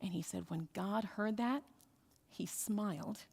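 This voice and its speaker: A woman's voice: mid-range voice, unhurried, vocal fry, a little mellow, slightly rough. Conversational woman rabbi in a hall. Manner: conversational storytelling. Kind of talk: sermon. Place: synagogue sanctuary. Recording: reverberant sanctuary hall.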